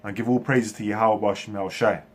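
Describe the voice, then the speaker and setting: A man from Turkey, raised in England, preaching a monologue in halting bursts and tagging nearly every phrase with "man" or "okay". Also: fairly low pitch, steady tone. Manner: halting, frequent restarts. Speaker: religious speaker.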